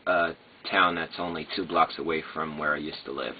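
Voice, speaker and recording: A man talks in an extremely low voice with slurred speech. He rambles casually and hesitantly, wandering from thought to thought like a vlogger. The sound is narrow and phone-like, with faint noise behind him. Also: fairly even intonation, moderate pace. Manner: hesitant, meandering, trailing off. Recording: noisy, muffled phone-like sound.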